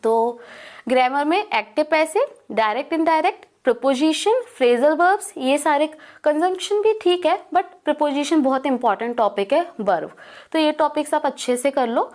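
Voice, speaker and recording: A young woman giving relaxed, casual advice on preparing for a competitive exam, easily mixing English words into her Hindi. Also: high voice, moderate pace. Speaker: exam prep advisor. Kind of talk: casual study-advice talk.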